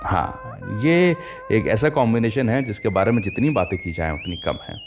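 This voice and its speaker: A man with a lowish, sing-song voice hosts a radio show at normal speed, narrating anecdotes and voicing the exchanges within them. Music plays in the background, and there's some background noise.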